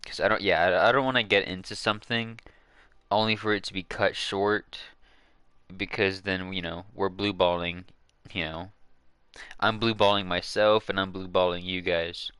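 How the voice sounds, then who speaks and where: A man's voice: low voice, steady tone, moderate pace, pushed and bright, clear, resonant tone, dry recording. A man chatting casually to his viewers while waiting on a live stream, rambling with lots of fillers and restarts, hiccuping now and then.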